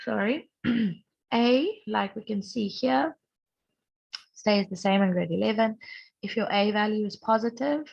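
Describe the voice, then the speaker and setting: A young woman maths teacher who is sick and strained, patiently explaining a recorded lesson and clearing her throat often. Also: on the low side. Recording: dull lo-fi recording.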